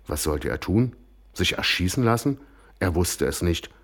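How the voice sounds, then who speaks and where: A man's voice: low-pitched, big pitch swings, a little slow. A man reading a comic story aloud as the narrator, with a dry storytelling manner.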